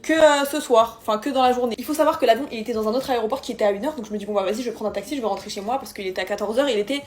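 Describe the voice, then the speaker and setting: Fast-talking woman telling a storytime vlog. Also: on the high side. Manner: animated, exasperated retelling with acted-out dialogue. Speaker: vlogger.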